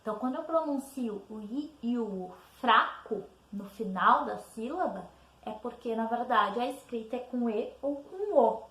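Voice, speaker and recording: A woman's voice: fairly high pitch, lively intonation, measured pace, fairly bright tone. A woman with a Brazilian Portuguese accent, a teacher patiently explaining spelling exercises and checking in with her pupils. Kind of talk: recorded spelling lesson walkthrough. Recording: echoey room.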